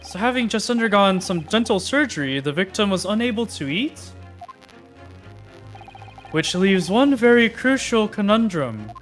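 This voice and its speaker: Figure: stern older male judge, a woman doing him. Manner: formal, measured. Style: game voice-over. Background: faint music. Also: medium pitch, big pitch swings, close to an everyday voice.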